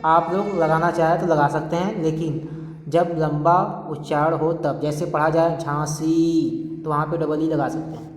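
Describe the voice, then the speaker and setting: Patient teacher spelling out letters one by one, mid pitch, echoey room with long reverb. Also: fairly even intonation. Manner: patient, repeats "ठीक है" to check understanding; slow, step-by-step spelling out of letters. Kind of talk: spelling lesson at a board.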